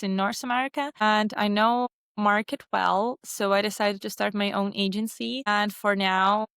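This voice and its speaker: Ukrainian-accented woman, smooth dry voice. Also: mid-range voice, a bit bright, no room sound. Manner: non-native phrasing with frequent restarts. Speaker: guest, agency founder. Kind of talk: casual interview answers.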